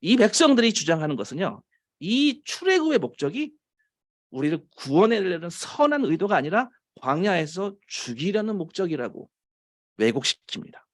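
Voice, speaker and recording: A Korean man preaching a sermon as pastor, rising to emphatic lines and dropping to low, quiet asides, stretching out key phrases. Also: very animated, moderate pace.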